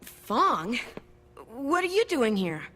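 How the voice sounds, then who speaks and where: A woman's voice: fairly high pitch, very animated, takes it slowly, bright, forceful tone, exaggerated voice. An actress playing a determined young woman leader in a 1990s CG cartoon, earnest and troubled.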